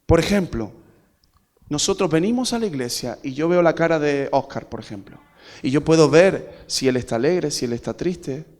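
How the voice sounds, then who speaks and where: A man from Spain preaching a sermon to a congregation. He keeps asking them rhetorical questions and swings from loud, emphatic peaks to quiet asides. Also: high-pitched. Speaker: pastor.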